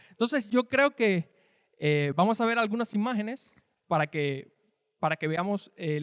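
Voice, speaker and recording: A Cuban man with a high, fairly bright voice preaches a sermon in Cuban-accented Spanish, explaining things conversationally and posing rhetorical questions. The recording is dry, though he's in a large hall.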